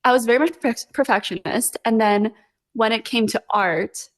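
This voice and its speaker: Her voice a little high and her pace moderate, a young LA artist chats casually as a podcast guest, hesitating often and scattering fillers and small laughs through her answers.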